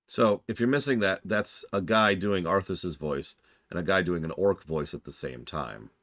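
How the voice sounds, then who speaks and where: A man's voice: deep voice, moderate pace, a bit bright, no echo, clean studio sound. A man giving casual live game commentary as a streamer, explaining the lore in a wry, opinionated way.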